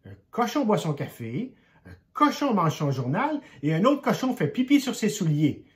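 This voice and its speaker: An older man reading a children's book aloud as a grandfather, lively and expressive, going quiet for suspense. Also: sits high, moderate pace. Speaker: grandfather storyteller.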